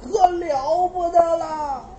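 A woman voicing a dramatic old princess consort in a Beijing accent, wailing and pleading in drawn-out tones. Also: extremely high pitch, warm tone, slight background noise, pitched above the performer's own voice. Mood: distraught.

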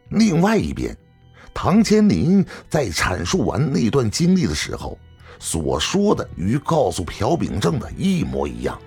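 A man narrating a novel in a measured storytelling manner. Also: on the low side, darkish tone. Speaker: audiobook narrator.

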